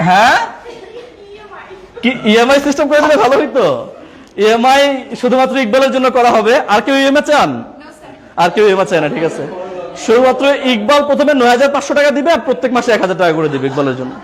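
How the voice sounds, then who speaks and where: A man's voice: extremely high pitch, animated, quick pace, long pauses. A man with a Bangladeshi Bengali accent teaches a room of teachers, drilling them with call-and-response questions and joking with them. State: sweating. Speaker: teacher trainer. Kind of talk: classroom teaching. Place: training classroom.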